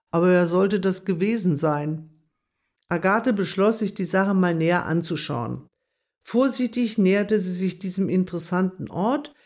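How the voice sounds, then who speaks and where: A woman's voice: lowish voice, a little mellow. Woman reading a children's story. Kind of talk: scripted children's story narration.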